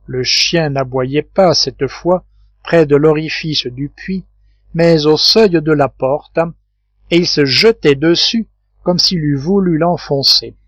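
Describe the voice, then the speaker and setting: A man reading a classic adventure novel aloud in a measured, steady narration. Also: on the high side, no room sound. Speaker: audiobook reader. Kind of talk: scripted narration.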